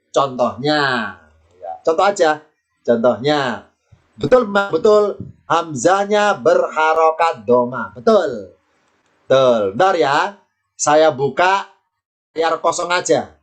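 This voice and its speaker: Guy teaching quran reading, high voice, talks slow and repeats stuff. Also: fairly bright tone. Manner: patient, repeats words and asks rhetorical questions. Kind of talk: online lesson with screen sharing.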